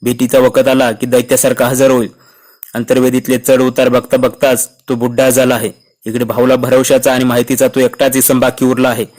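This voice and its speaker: Guy reading a history novel out loud, super flat steady voice. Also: mid-range voice, brisk. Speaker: narrator.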